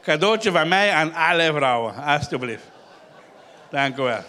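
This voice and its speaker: A young Flemish man doing live stand-up comedy in a tent show, teasing front-row audience members with wild, drawn-out shouting. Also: on the high side, lively intonation, a little hiss or hum.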